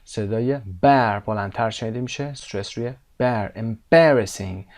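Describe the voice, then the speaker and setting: Male English teacher with a middle-pitched voice, Persian native, repeats drill words slowly and with weight. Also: darkish tone. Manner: repeats English words slowly and emphatically, then explains quickly. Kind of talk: language lesson explaining vocabulary and pronunciation.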